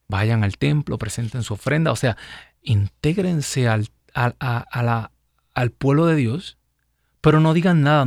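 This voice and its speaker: Gravelly male radio preacher. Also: mid-range voice, dry recording, studio quality. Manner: conversational, rhetorical questions, many restarts. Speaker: radio program host and preacher. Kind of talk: live radio Bible teaching.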